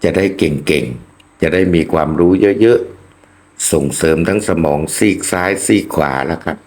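Retired man in his sixties, deep low voice, unhurried moralizing talk to viewers. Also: expressive, a little mellow. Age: 60s. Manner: slow, preachy, addresses listeners as friends. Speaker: channel host. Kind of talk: reflective monologue to viewers.

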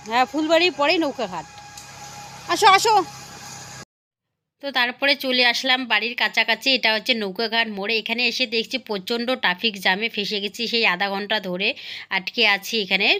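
A woman with a slightly hoarse voice, chatting casually to viewers as a vlogging mother and narrating what she is doing. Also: a little high, fast talker, sharp tone, dry recording.

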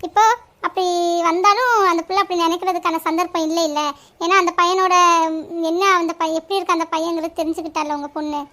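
A sharp-tongued cartoon village woman, who scolds and lectures bluntly. Her voice is very high, and she talks quickly. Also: fairly even intonation. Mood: advising. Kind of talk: cartoon voice acting.

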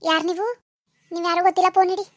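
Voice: very high-pitched, level tone, very fast, no room sound. [name], a woman playing a hurt village girl. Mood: reproachful. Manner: reproachful, refusing, bitter. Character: young village woman, hurt and angry at a deceiving lover. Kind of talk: amateur phone-call drama.

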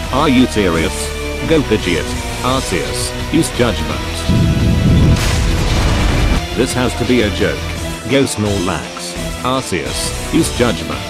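A man acting out a comedic amateur monster battle, full of mocking, dramatic taunts, over loud music. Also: on the low side, big pitch swings, slow, long pauses. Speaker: video creator playing every part.

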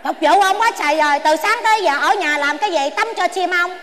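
Stubborn old southern vietnamese wife, squeaky high voice, snaps back fast, comedy skit. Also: female voice, fairly bright tone. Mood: bickering. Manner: quarrelsome, exclaiming, rapid comebacks. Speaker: comic actress. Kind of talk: comedy sketch acting. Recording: noisy background ambience.

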